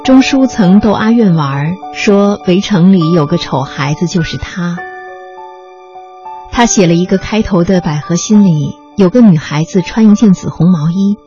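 A narrator calmly reading a memoir aloud, in a measured storytelling manner. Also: mid-range voice. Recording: slightly muffled recording with faint music.

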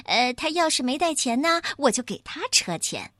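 A woman's voice: high-pitched, big pitch swings, normal speed, fairly bright tone, no room sound. Woman doing a sly fawning gorilla bandit. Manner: fawning, hesitant, full of fillers.

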